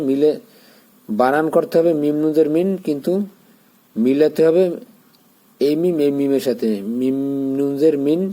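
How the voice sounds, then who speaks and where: A man's voice: mid-range voice, dark tone. A man teaching Quran reading, spelling out the Arabic letter by letter and patiently explaining how to join the sounds. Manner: slow drawn-out chanting when joining words.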